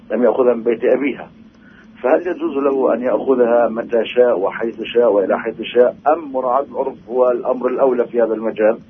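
Male caller on a noisy phone line. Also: medium pitch. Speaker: caller to a radio programme. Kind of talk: careful question-asking in mostly formal Arabic. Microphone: telephone.

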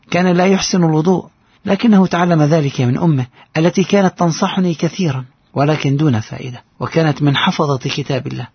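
A man's voice: fairly high pitch, breathy edge, no echo, dull audio. A man narrating a heartfelt first-person story in an earnest voice.

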